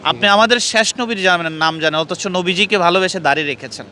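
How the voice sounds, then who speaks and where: A street interviewer hosting his channel's quiz earnestly quizzes people passing by and lectures them, with traffic and street sounds behind him. His high-pitched voice is fast, pushed and bright.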